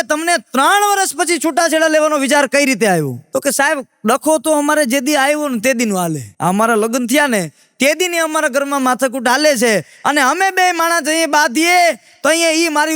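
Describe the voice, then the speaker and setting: Male comic, high bright tone, dry sound. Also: dry recording. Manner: animated dialogue-style storytelling. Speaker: stand-up comedian. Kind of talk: Gujarati joke telling.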